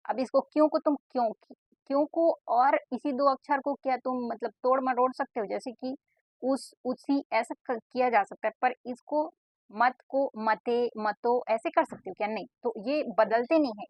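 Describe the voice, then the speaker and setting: A woman's voice: fairly high pitch, moderate pace, no room sound. A woman teaching an exam-prep lesson in a casual spoken style, explaining step by step and answering her own questions. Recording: dry, dull lo-fi voice-over.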